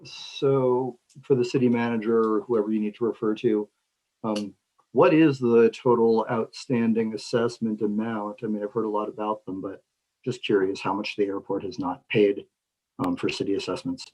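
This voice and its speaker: A man serving as city commissioner, asking deliberate questions at a council meeting, with some fillers. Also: lowish voice, fairly even intonation, a little mellow, rough recording. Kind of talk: formal public meeting questions.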